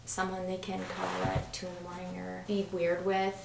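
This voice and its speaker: A woman's voice: lowish voice, monotone, fairly quick, gravelly. Bubbly young sorority woman, echoey room. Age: early 20s. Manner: bubbly, giggly sorority-girl talk with lots of "like". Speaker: sorority member in a Q&A. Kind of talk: casual chat among friends. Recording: roomy echo, distant mic, faint noise.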